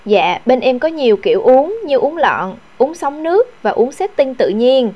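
Polite customer service woman, fairly high voice. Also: sing-song, moderate pace, dull audio. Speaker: salon receptionist taking a phone booking.

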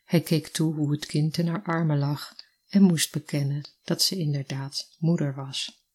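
A storyteller reading a literary story aloud in a calm, measured way. The voice is husky and a little breathy. Its pitch sits in the middle range. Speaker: narrator. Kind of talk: scripted narration of a literary story.

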